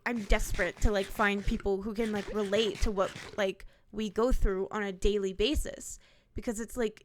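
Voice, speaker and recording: A woman's voice: mid-range voice, slight background noise. A woman in her twenties from Ohio, chatting casually on a stream with many fillers. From Ohio, USA. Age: 20s. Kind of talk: casual chat.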